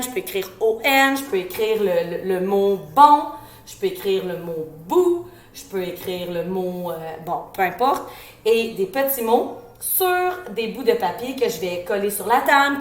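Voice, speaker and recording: A woman with a Québécois French accent, an educator giving parents reading tips in a casual teaching tone, slowly sounding out letters and syllables. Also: mid-range voice, reverberant. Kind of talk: informal instructional talk.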